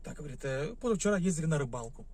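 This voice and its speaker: A man's voice: fairly high pitch, expressive, rapid-fire, a little mellow. A man telling a string of jokes in a chatty way, briefly voicing the people in them. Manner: chatty storyteller voicing characters. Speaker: joke teller.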